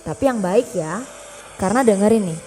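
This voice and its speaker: A young woman telling a folk tale to her child at home, animated, often stopping to ask the child questions. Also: medium pitch, fairly quick, slight background noise. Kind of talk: bedtime storytelling to a child.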